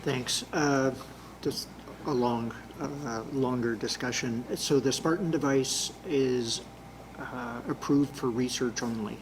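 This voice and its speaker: A man answering questions as a public health official at a press briefing, explaining things in measured, careful wording. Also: mid-range voice, noisy background.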